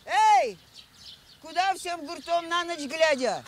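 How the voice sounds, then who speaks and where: An actress playing a flustered, middle-aged village aunt in a film drama, scolding and grumbling in a wailing lament. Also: female voice, very high voice, wildly swooping pitch, normal speed, pushed and bright, exaggerated voice. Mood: scolding alarm. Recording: noisy outdoor film sound, distant.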